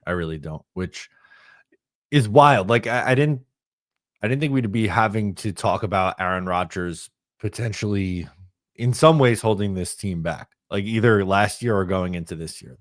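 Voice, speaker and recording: Male co-host, low dry voice, casual and halting, repeats words. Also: dry recording. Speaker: podcast co-host. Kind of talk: casual sports podcast chat.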